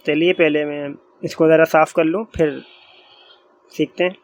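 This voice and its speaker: A man teaching a grammar lesson, explaining patiently and repeating each point slowly as he writes on a board. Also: on the high side, fairly even intonation. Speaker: Arabic teacher.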